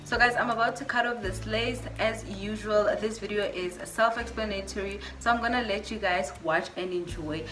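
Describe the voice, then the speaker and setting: A woman vlogging an excited hair unboxing, gushing and repeating herself as she talks to her viewers. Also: mid-range voice, moderate pace, few pauses, reverberant, soft background music. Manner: gushing, repeats herself, says "you guys" often.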